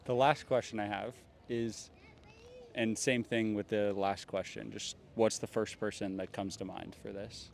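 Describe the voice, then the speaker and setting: Guy interviewing strangers outside, low-ish voice, upbeat and encouraging. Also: little pitch movement, measured pace, creaky. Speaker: interviewer host. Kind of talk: street interview questions. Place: city street outdoors.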